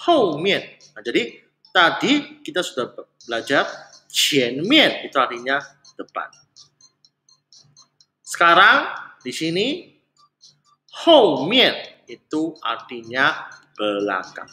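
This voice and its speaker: Slow, lively teacher in an echoey room. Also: medium pitch. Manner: slow, repeats phrases for learners. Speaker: Mandarin teacher. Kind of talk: casual spoken lesson. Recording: roomy echo with faint music.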